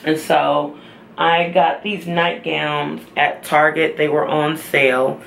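A young woman talks to her camera at home in an unhurried, heavy drawl. Her voice is strongly gravelly yet bright in tone, tired and close to tears while she tries to sound hopeful. A faint hum of room ambience sits behind her. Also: sits low, little pitch movement. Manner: tired, slow and tearful, trying to stay upbeat. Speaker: pregnancy vlogger. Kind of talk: emotional personal vlog.

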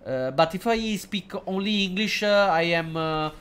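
A man giving casual, excitable and jokey live commentary while streaming a game, hesitant and halting whenever he switches into English. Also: sits high, a little hiss or hum. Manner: excitable and jokey, swings between loud outbursts and mumbling.

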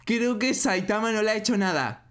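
A man with a Spain Spanish accent giving excited reaction commentary as a streamer, full of exclamations and outbursts. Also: high-pitched, normal speed. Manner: excitable, frequent exclamations and shouts. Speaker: streamer reacting to a fan animation.

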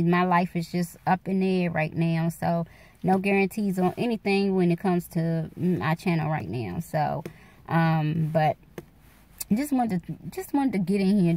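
A woman in her forties chats loosely into a phone held close, her voice sitting a little low. She rambles from thought to thought in a relaxed, candid way, talking straight to her followers. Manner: rambling, candid, addresses viewers as y'all. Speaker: vlogger. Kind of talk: casual chat to camera. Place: dark room at night. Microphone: phone camera held close.

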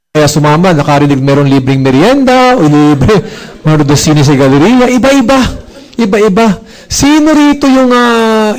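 A man giving an animated motivational talk to a live audience. He jokes, quizzes the crowd and acts out bits of dialogue. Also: high voice, rough recording. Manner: joking, asks the audience questions, acts out dialogue. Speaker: speaker at a business presentation.

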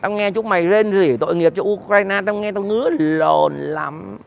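High, gravelly male commentator; angry, crude monologue straight to his audience. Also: normal speed. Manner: heated, profane, addresses viewers directly, rises to shouting. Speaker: political commentator. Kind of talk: ranting monologue to viewers.

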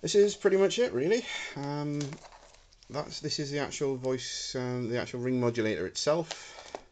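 A medium-pitched, slightly mellow man talks at a moderate pace, with a little hiss or hum on the handheld camera mic. He's a hobbyist prop maker casually and hesitantly showing off homemade electronics indoors on a wooden floor, with many ums as he handles his gear.

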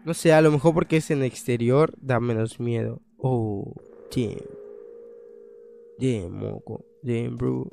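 Man, young adult, gravelly, dark tone, horror game commentary, swearing, loud startled outbursts. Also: mid-range voice, fairly even intonation, takes it slowly, a little hiss or hum. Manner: casual, swearing, thinking aloud, loud scared outbursts. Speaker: gaming channel host.

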